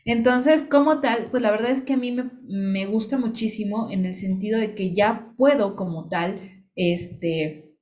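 A woman narrates a screen-share tutorial, talking the listener through each click in a chatty, explanatory way. Her pitch sits at an ordinary middle height, and she is close to the mic. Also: a little mellow, a little hiss or hum. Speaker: social media business coach.

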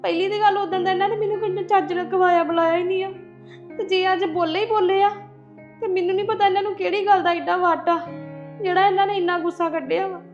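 A woman playing a tearful young bride, very high voiced. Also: fairly even intonation, fast. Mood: crying. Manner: pleading, tearful. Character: tearful young newlywed bride, wronged and pleading. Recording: dull lo-fi sound with music behind.

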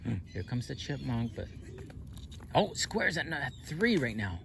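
A man's voice: medium pitch, sing-song, unhurried, vocal fry, a bit bright. A man hosting a children's counting game outdoors, talking playfully to small children and asking them lots of questions. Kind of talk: playful narration addressed to young children. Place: outdoors on grass in a park. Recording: outdoor ambience with birds, faint noise. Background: birds and outdoor ambience.

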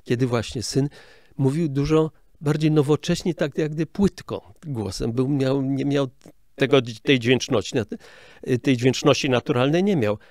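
An older man who works as a film sound director explains his craft in a casual interview, hesitantly and with frequent restarts. His mid-range voice is a little mellow and moves at a normal speed. The recording is dry and of studio quality.

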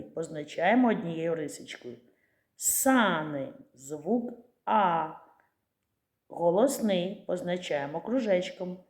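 A woman teaching a literacy lesson to young children, speaking patiently and articulating each sound clearly. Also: on the low side, warm tone, roomy sound. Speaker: preschool teacher. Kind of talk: slow, deliberate literacy lesson for small children.

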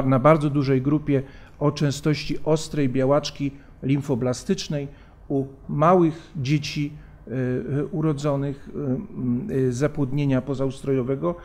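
Middle-aged male lecturer, fairly high voice, halting delivery with fillers, lectern mic in a big hall. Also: darkish tone. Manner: measured, hesitant with frequent fillers and restarts. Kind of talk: academic conference lecture. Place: large conference hall, at a lectern. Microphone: lectern microphone.

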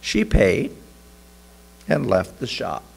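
Man, sermon story reading, slow, husky, lively pitch. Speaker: preacher.

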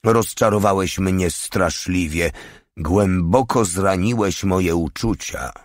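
A man's voice: deep voice, slow, no room sound, studio quality. A man voicing a hulking, brutal male soldier who bellows in pompous, mock-righteous outrage in an audiobook. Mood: outraged.

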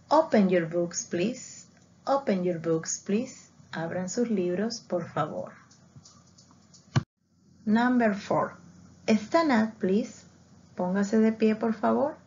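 A woman teacher giving a bilingual English lesson, spelling out words and repeating them slowly. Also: mid-range voice, darkish tone, slight background noise. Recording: dull lo-fi recording.

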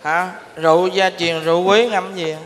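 A man's voice: high-pitched, fairly even intonation, quick pace, fairly bright tone. An actor in a stage comedy sketch playing a clowning drunk man who reasons in a mock-serious way. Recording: reverberant stage hall.

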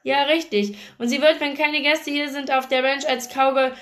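A woman reading an awkward male ranch owner in a novel, speaking quickly and a little flustered. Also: high-pitched, steady tone, a bit bright, pitched above the performer's own voice.

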